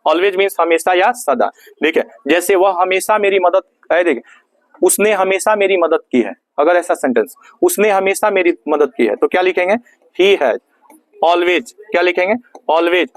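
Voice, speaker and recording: A man's voice: sits high, no room sound. A male Hindi-speaking teacher with a Bihari accent, giving a classroom grammar lesson, asking questions and answering them himself. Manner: asks questions and answers them himself, repeats key words.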